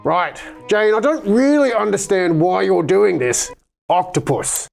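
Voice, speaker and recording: A woman's voice: medium pitch, expressive, a little slow, vocal fry, darkish tone, soft background music. A woman playing Moses, patient and earnest. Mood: baffled. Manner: earnest, patient explaining with hesitant restarts. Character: Moses, patient biblical leader teaching rules. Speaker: actor in a children's Bible skit. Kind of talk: children's show skit acting.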